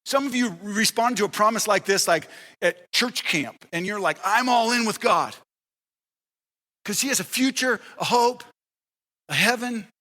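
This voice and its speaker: A male pastor preaching a sermon in an animated way, acting out the dialogue in quick voices. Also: high-pitched. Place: church sanctuary. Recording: long reverb of a church hall.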